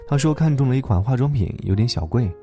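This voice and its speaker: A man hosting a late-night story program, narrating a gentle tale in a calm, tender way. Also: mid-range voice, quick pace. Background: soft instrumental music.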